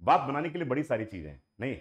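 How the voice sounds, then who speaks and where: Lively maths teacher quizzing class. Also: male voice, medium pitch, very fast. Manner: asks the class questions and repeats points. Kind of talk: classroom lecture mixing Hindi and English. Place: classroom with students and online viewers.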